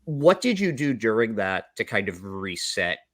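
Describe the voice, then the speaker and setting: A man's voice: lowish voice, very animated, unhurried, a bit bright. A man hosting a podcast, asking a guest loose, conversational questions. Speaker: podcast host. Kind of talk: casual interview questions.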